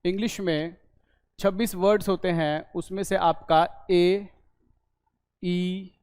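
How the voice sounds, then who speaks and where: A man teaching a basic language class in a video lesson. He explains slowly, drawing out sounds and checking in after each point. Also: sits high, steady tone, a little mellow, clean tone. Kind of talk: online class lecture. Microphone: recorded for a video lesson.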